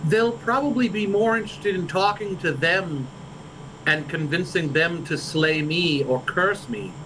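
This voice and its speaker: A man's voice: sits high, measured pace, background noise. A man hosting a livestream, chatting in character in fantasy improv, stammering and rambling with many restarts. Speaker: livestream role-play host.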